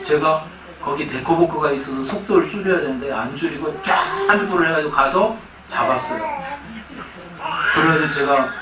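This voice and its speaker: Male pastor, animated storyteller, slightly high voice, distant mic in an echoey sanctuary. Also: background noise. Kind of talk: sermon. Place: church sanctuary. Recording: echoey church hall from far off.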